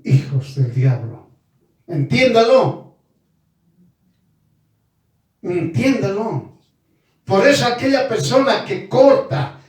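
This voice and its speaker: Emphatic male preacher, high and unhurried, heard from a distance. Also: darkish tone. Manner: emphatic, repeats commands and asks rhetorical questions. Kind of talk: sermon. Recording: very echoey hall, voice far from mic.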